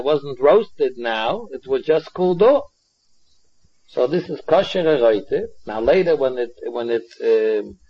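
A dull, slightly muffled recording of a man with a Yiddish accent. His voice sits a little high. He teaches a religious text step by step, often stopping and restating a phrase before moving on. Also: slightly rough. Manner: halting, repetitive, restating phrases as he explains. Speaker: Talmud teacher. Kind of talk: religious text lesson, explaining line by line.

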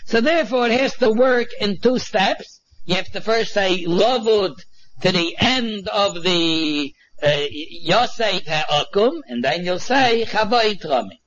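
A muffled, low-fidelity recording of a male Talmud teacher with a Yiddish accent. His voice sits quite high for a man. He explains informally, one step at a time, restating phrases with emphasis. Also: expressive, takes it slowly, a bit bright. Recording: dull, muffled lo-fi audio.

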